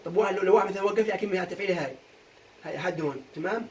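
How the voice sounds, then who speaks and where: A young man teaching a poetry meter lesson for exam prep, quizzing students with quick questions and answering them himself. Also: high voice, a little mellow, recorded from a distance, low-quality recording. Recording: voice a bit off-mic, faint room noise.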